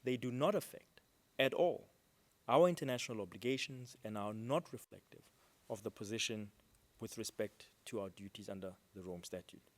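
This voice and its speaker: A man speaking as counsel for a state at an international court hearing, giving a formal legal argument in a measured way with frequent ums, recorded on a desk microphone in a courtroom. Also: lowish voice. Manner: measured, with frequent ums and stresses on key words.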